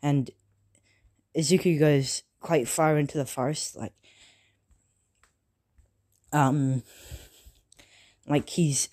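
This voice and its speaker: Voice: medium pitch, dark tone. A storyteller retelling a fan story casually, full of fillers and self-corrections.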